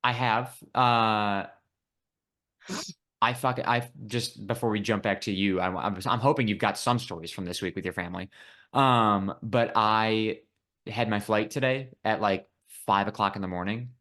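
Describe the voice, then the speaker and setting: A man's voice: on the low side, normal speed, bright, forceful tone. A man from Buffalo, New York, co-hosting a podcast in casual chat, teasing and joking, with casual swearing. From Buffalo, New York, USA. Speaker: podcast co-host.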